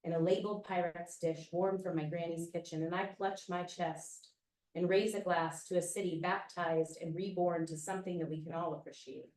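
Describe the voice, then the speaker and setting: A woman reading her own poem in a measured way that slows on line endings, then chatting casually at a club meeting. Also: on the low side, steady tone, a little mellow, recorded from a distance. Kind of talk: poetry reading and casual chat. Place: meeting room. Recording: echoey room, voice from off-mic.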